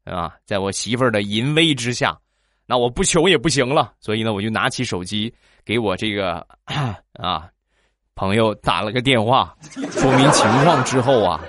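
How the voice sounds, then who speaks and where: A man telling comic anecdotes in a playful, lively storytelling manner. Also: on the low side, normal speed, no room sound, studio quality. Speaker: comedy storyteller.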